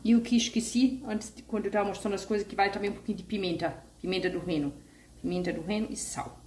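A fast-talking woman with a medium-pitched, fairly even, darkish voice runs through a home recipe step by step in her kitchen, with an echoey room and slight background noise. The vegan cooking channel host is chatty and homey in this casual tutorial, leaning on diminutives and fillers.

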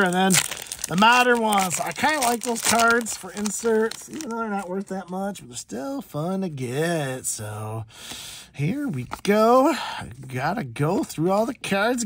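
A man's voice: sits high, fairly bright tone, slight background noise. A man casually talking through a pack opening as channel host, chatty and rambling with lots of fillers. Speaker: card collector and channel host. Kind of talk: casual card-opening commentary.

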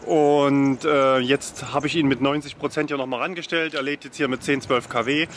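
A man's voice: medium pitch, steady tone, moderate pace, a little hiss or hum. A middle-aged man talking to a handheld camera outdoors in a casual travel vlog, matter-of-fact and explaining with many fillers. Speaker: travel vlogger. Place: outdoors, country lodge and foggy mountain. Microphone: action camera at arm's length.

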